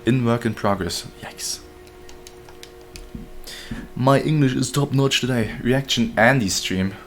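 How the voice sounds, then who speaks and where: A man's voice: mid-range voice, slow pace, soft background music. A man casually commenting on his gameplay during a live stream, joking and chatting with his viewers. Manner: joking, chatty, reads chat aloud. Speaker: game streamer.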